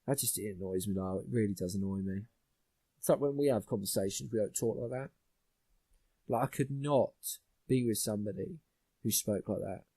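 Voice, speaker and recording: A man's voice: lowish voice, normal speed, mellow, slightly rough, no room sound. A young man hosting a podcast, ranting bluntly with plenty of swearing in casual chat. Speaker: podcast host.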